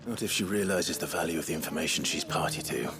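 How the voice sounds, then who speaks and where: A terse, gravelly young swordsman. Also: fast talker. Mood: guarded. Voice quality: deep gravelly voice. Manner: terse and dry. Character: stern, guarded young male swordsman hero. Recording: game audio with soft music behind.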